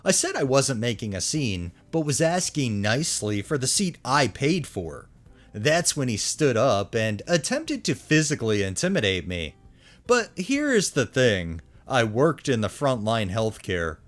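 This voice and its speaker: A man's voice: medium pitch, a little slow. A man hosting a story channel, reading online posts aloud with brief commentary of his own. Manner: animated, swinging intonation. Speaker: narrator and host of a story channel.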